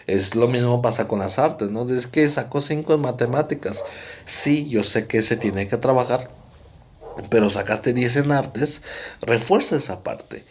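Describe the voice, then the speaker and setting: A man's voice: medium pitch, unhurried, a little hiss or hum. A man with a Mexican accent giving a conversational psychology lecture, often checking in with his listeners. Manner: conversational, frequent "¿no?" tags and fillers. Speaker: psychology presenter. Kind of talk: explanatory lecture.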